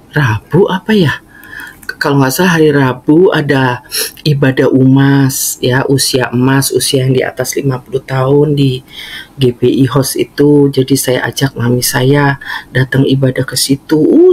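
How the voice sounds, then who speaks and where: A woman's voice: rumbling low, darkish tone, breathy edge, rough recording. A middle-aged woman tells a church testimony in an earnest, storytelling way. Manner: slow, earnest storytelling with fond laughter. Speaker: former singer giving a faith testimony.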